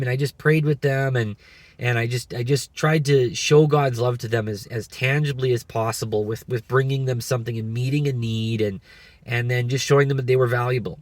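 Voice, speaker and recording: A man in his thirties giving an earnest, halting faith testimony, often restarting his sentences and encouraging listeners to pray. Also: medium pitch, no echo. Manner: earnest, repetitive, many restarts. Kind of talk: personal testimony and exhortation.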